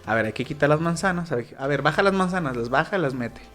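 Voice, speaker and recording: A man's voice: fairly high pitch, expressive, fast, a bit bright, faint music behind. A man with a Mexican Spanish accent, a sign language interpreter guest, explaining patiently with examples in casual interview talk.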